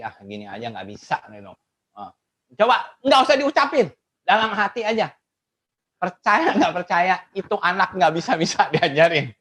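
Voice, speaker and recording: A woman teaching math in an online webinar, laughing often and asking her audience lively questions. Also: low-pitched. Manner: laughs often between phrases; acts out quoted remarks in changed voices.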